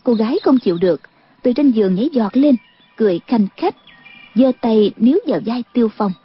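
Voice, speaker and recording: A woman reads a martial-arts novel aloud in a steady storytelling manner. Her voice is fairly high and a little breathy. The recording is dull and lo-fi. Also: brisk. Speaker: audiobook narrator. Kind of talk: scripted narration.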